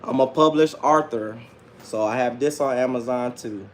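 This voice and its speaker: At a normal speed and mid-range pitch, with a little hiss or hum in the audio, a livestream host in his late thirties talks freely. He's a self-published author who sounds self-assured, leans on slang, repeats himself, and says "man" often.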